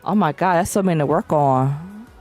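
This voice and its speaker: Over soft background music, a young female VTuber talks at a moderate pace in a deep, slightly mellow voice. She's gaming live, bantering casually and reading out chat in a playful, slang-filled way.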